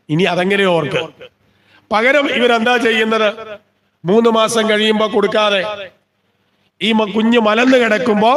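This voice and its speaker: A man giving a devotional scripture discourse at a temple, often asking the listeners questions and then answering them himself. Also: high voice. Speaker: religious discourse speaker. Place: temple gathering.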